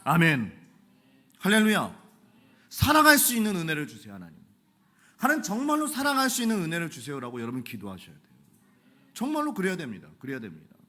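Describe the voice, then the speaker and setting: A male pastor preaches in a church with a high voice that swings widely. His manner is animated and chatty, full of jokes. He talks to the congregation like friends. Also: fast, long pauses. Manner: animated, joking, conversational. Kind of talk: sermon. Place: church sanctuary.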